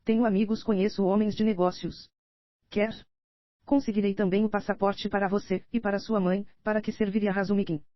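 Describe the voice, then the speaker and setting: A woman with a Brazilian Portuguese accent and a mid-range voice voices a scheming older nobleman in an audiobook, reading at a brisk, level pace. She keeps her own voice with light acting, sounding insistent and pleading but steady, slightly dull and dry, in a dry recording.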